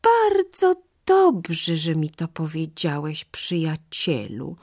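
A woman voicing a clever, cautious female monkey in a high, excitable voice. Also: slow, full character voice. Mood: cunning.

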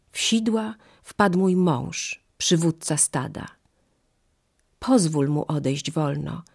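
A devoted doe from a fable, pleading gently and steadily, as a narrator voices her. Her voice is slow and gravelly with a husky edge, unhurried even when she is urgent. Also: medium pitch, exaggerated voice. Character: brave loyal female doe, gentle and pleading.

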